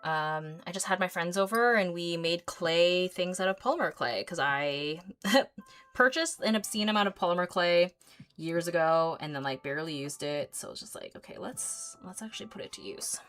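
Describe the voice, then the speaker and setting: A woman in her mid-thirties talks casually to her livestream viewers while she paints. Her voice sits notably low for a woman, and she rambles along with plenty of ums, likes and small giggles. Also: moderate pace, a bit bright. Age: 30s. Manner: rambling, filler-heavy, giggly. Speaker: artist livestream host.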